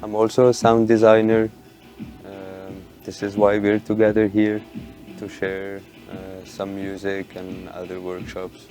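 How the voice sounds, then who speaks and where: Slow, mellow-voiced soft-spoken man. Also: low-pitched, level tone, soft background music. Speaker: guest, sound designer. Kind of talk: introducing himself.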